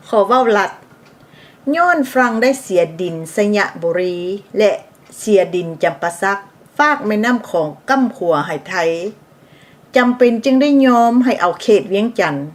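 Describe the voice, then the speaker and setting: A woman from Laos narrating a history episode in a scripted way, pausing to explain terms and adding side remarks for the listener. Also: medium pitch, expressive. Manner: explanatory, adds asides for the listener.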